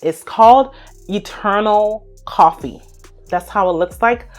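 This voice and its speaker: A woman's voice: mid-range voice, takes it slowly, soft background music. A young woman vlogger giving a gushing, emphatic product review to her viewers. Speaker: beauty vlogger.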